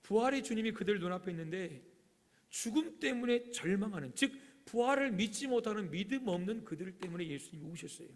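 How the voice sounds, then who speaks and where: A man preaching a sermon as pastor, emphatic, rising to loud urgent peaks and dropping to quiet asides, acting out quoted voices. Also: sits high, lively intonation, brisk. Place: church sanctuary. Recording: long hall reverb.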